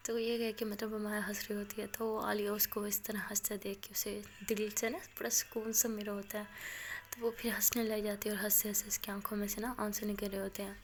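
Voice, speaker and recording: A woman's voice: medium pitch, level tone, a little fast, slight background noise. Chatty woman telling a love story. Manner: chatty, conversational, dips into soft near-whispers. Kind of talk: casual spoken storytelling.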